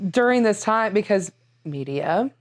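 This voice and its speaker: Animated, laughing woman co-host. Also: medium pitch, unhurried. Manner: laughs easily, animated asides. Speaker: podcast co-host. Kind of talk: casual chat.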